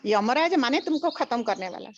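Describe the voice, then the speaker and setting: A woman's voice: on the high side, expressive, moderate pace, a little hiss or hum. An older woman giving a spiritual teaching, emphatic and repetitive, mixing English phrases into her talk. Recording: dull lo-fi recording.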